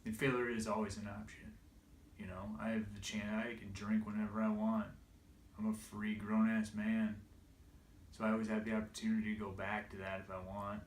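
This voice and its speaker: A man's voice: lowish voice, little pitch movement, moderate pace, a little hiss or hum. A man telling an emotional personal story, tearful and laughing through it, his voice breaking. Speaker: vlogger. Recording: roomy echo, distant from mic.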